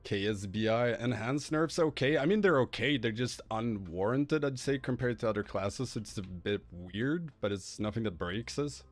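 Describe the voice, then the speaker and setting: A man with a Swedish accent hosting a casual gaming stream, chatty and quick to laugh. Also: mid-range voice, animated, faint music behind. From Sweden. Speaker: streamer host.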